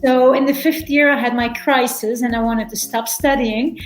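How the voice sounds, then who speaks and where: A middle-aged Belgian woman speaks with a fairly high pitch, fairly even intonation, and a moderate pace. She's a veterinarian and animal chiropractor appearing as a guest in a casual interview, often repeating words and restarting. The room is echoey, with faint music playing.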